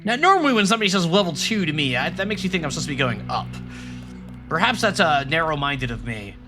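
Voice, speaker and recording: Faint music plays behind this Rhode Island streamer as he jokes and rambles through a let's-play, addressing both his viewers' chat and the game on screen. He talks quickly, at a fairly high pitch with big swings, and his voice sounds pushed and bright.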